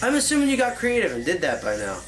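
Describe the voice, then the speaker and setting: A man's voice: high-pitched, huge pitch swings, fast, fairly bright tone, soft background music. A man hosting a casual, joking tutorial, explaining like a rambling professor who drifts into tangents and corrects himself. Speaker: tutorial host.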